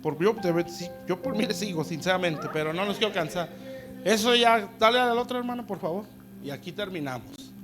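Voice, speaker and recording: A man's voice: high voice, lively intonation, fairly quick, music in the background. A male pastor preaching conversationally, often checking in with "¿sí?" and acting out quoted voices. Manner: acts out quoted voices in dialogue. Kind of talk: sermon. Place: church service.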